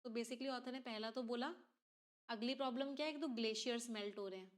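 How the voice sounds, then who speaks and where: Woman, teacher, lesson, step-by-step explaining, questions to class, higher pitch. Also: fast talker. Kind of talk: exam reading-comprehension lesson.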